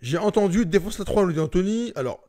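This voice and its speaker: A man's voice: sits high, expressive, quick pace, dark tone. A young man hosting a casual live stream, reading viewer comments aloud and answering them in a chatty, informal way.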